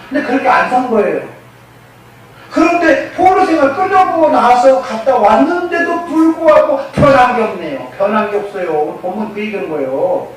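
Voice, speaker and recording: High-voiced preaching pastor in an echoey hall. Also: male voice. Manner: asks the congregation rhetorical questions again and again; acts out quoted speakers in a raised voice. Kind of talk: sermon. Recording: echoey hall, mic at a distance, faint noise.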